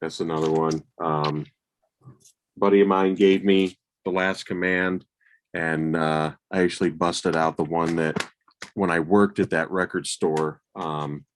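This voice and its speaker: A man's voice: low-pitched, fairly even intonation, unhurried, slight background noise. A man co-hosting a casual music podcast, telling rambling anecdotes and swearing casually. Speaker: podcast co-host. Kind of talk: casual chat.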